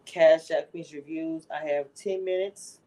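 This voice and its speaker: A chatty woman in her forties hosts a casual livestream and talks straight to her viewers. Her words often stretch out in a relaxed, unhurried way. Faint background noise sits behind her voice. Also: deep voice. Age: 40s. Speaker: livestream host.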